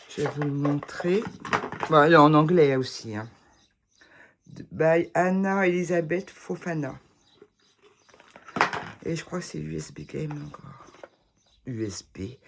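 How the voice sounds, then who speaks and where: A woman chatting casually to the camera as she shows off her tarot decks, rambling and full of hesitations and restarts. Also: sits low. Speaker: vlogger showing tarot decks. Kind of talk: casual chat.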